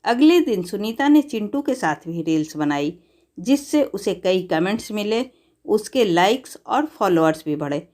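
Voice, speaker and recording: A woman narrating a scripted moral story in a measured, even storybook reading. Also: mid-range voice.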